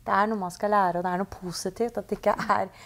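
A woman's voice: medium pitch, fairly even intonation, vocal fry, fairly bright tone. A woman client reflecting thoughtfully and hesitantly with fillers. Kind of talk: reflective conversation.

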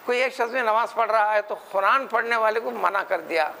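A Hyderabadi-accented man delivers a religious lecture in a high voice with a gravelly edge. He drives his points home with rhetorical questions and quick mimicry of others. A faint hiss of room ambience sits behind him. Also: sharp tone, rough recording. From India. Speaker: Quran scholar.

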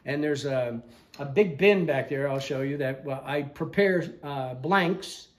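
The owner of a woodworking school, an older man, speaks unhurriedly in a slightly high voice while leading a relaxed tour of a large indoor shop. He explains things with small jokes along the way, captured by the interviewer's handheld camera.

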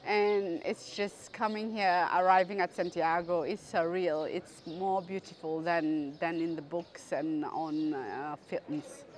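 A woman's voice: fairly low pitch, steady tone, slow pace, few pauses. A woman in her fifties from the Seychelles, speaking reflectively in a street interview in a city square. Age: 50s. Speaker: pilgrim interviewee.

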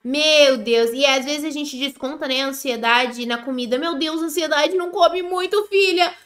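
A woman with a Brazilian Portuguese accent giving chatty, excitable commentary on a game she is playing, often talking straight to her viewers. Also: high voice, normal speed. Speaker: gaming YouTuber. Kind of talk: Roblox gameplay commentary.

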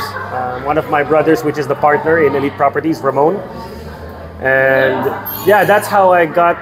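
A man from the Philippines, a real estate guest telling his story in a measured way with many fillers. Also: fairly high pitch, poor audio.

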